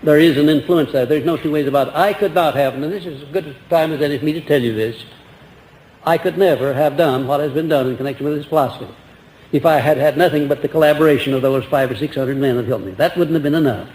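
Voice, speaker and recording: A man's voice: on the high side, fast talker, darkish tone. Older man lecturing on an old echoey recording. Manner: earnest, rambling with restarts and rhetorical questions. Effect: old archival recording. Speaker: lecturer answering audience questions. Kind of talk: earnest motivational lecture. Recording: echoey old hall recording with faint hiss.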